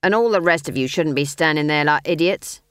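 A woman's voice: sits low, a little fast, a bit bright, clear, resonant tone, no room sound, clean studio sound. A woman voicing a blunt, practical male bandit chief who makes threats. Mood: menacing. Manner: blunt, menacing.

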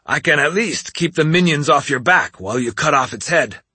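A cocky ronin archer, as a man puts him on, smirks through crude, defiant lines. The voice is husky and bright and recorded close and dry. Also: a little high, lively intonation, normal speed, no room sound, voice pushed up, full character voice.

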